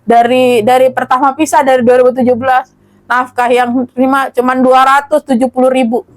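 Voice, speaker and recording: A woman's voice: high voice, fairly quick. Middle-aged woman telling her story. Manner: animated, acts out quoted dialogue. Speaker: guest. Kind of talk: casual storytelling interview.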